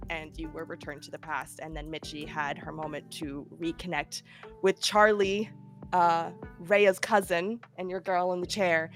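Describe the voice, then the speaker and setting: Recapping the previous tabletop session, a woman game master speaks in a lowish, slightly bright voice made nasal by a cold. She's chatty and giggly, filling her talk with lots of fillers.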